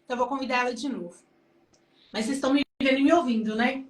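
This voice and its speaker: A Brazilian woman hosting a live-stream devotional chat, animated and affectionate. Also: high voice, very fast, slight background noise. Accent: Brazilian Portuguese. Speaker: host. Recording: echoey room.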